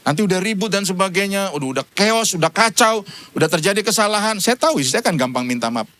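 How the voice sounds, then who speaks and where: A man's voice: high-pitched, lively intonation, fast, fairly bright tone. A man, a pastor, giving a humorous church sermon, telling stories and acting out conversations with his wife, chuckling between points. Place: church service.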